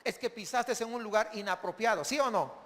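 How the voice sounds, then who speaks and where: High-voiced pastor preaching in a hall. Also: male voice, brisk, a bit bright. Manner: keeps asking the congregation questions. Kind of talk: sermon.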